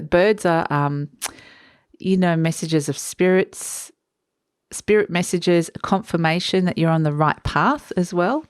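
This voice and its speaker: A woman giving a tarot reading in a dreamy, searching way, pausing on fillers as she hunts for words. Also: sits low, dry recording, studio quality. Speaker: tarot reader.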